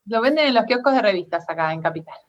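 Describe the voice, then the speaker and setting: A woman's voice: medium pitch, animated, fast talker, dull audio. A woman with a Rioplatense Spanish accent, a guest on a podcast, explaining things in casual conversation and often tagging her sentences with questions. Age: adult parent. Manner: explanatory, frequent tag questions.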